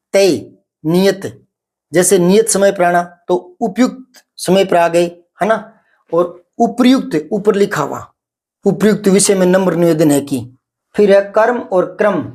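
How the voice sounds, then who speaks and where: A man's voice: high voice, a little mellow. A man teaching a Hindi vocabulary lesson, explaining paired words patiently and checking in often with his students. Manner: explanatory, drawn-out contrasts, frequent "ठीक है" check-ins. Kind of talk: spoken grammar lesson.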